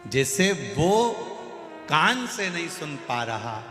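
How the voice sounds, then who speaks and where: A man giving a devotional sermon, telling a funny parable with lively acted-out dialogue. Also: on the high side, slow pace. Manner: animated, acts out shouted dialogue in the story. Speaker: religious storyteller. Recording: echoey hall with faint music.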